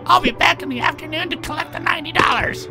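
A man voicing a pushy male landlord in a shrill falsetto while reading game text. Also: fast, vocal fry, music in the background. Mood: demanding.

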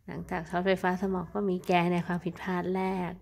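A woman speaking quietly and gently to her pet cat in soft baby talk. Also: lowish voice, completely flat delivery, fast talker, vocal fry, slight background noise. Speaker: cat owner vlogger.

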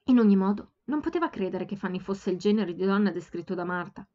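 Woman audiobook narrator, calm and steady, mid pitch, slightly muffled home recording. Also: fast. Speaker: amateur audiobook reader.

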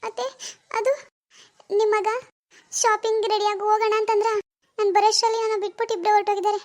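A woman playing an anxious young wife, high-voiced. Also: flat delivery, quick pace, darkish tone. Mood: hesitant. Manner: anxious, questioning herself aloud. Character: young wife, hurt and suspicious of husband. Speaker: actor in a family web drama. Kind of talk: amateur family drama acting.

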